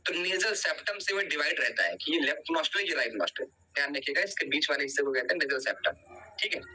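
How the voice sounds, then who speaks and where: Bright-voiced man teaching biology online. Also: on the high side, animated, fast talker, husky, low-quality recording. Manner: explains step by step, often checks with "ठीक है"; quizzes students and urges revision.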